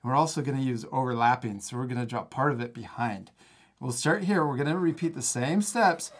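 A man in his thirties hosts a children's drawing lesson at a table in an indoor studio, talking casually through each step as the instructor. He is encouraging and chuckles frequently, speaking a little fast in a mid-range voice.

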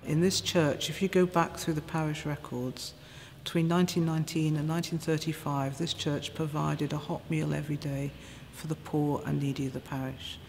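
A woman's voice: low voice, flat delivery, normal speed, few pauses, darkish tone. A middle-aged woman, a food bank project manager, speaking earnestly and forthrightly in an interview inside a church. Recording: reverberant church with faint noise.

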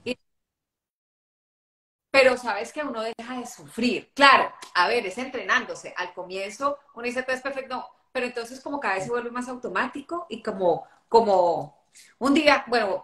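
A woman's voice: on the high side, lively intonation, moderate pace, a bit bright. Woman telling a story, echoey room. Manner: narrates with acted-out dialogue. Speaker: guest. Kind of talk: personal storytelling in conversation.

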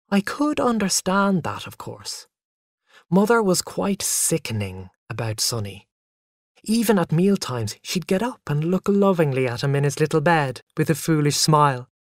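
Storybook narrator for learners, dry close sound, wide pitch swings. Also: sing-song, unhurried, no room sound. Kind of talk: first-person story narration for English learners.

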